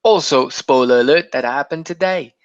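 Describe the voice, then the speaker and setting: A man's voice: fairly high pitch, normal speed, dry recording. A man co-hosting a casual podcast chat, joking and mocking his co-host. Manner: joking, mocking, slips into silly put-on voices. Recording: dull lo-fi sound, dry.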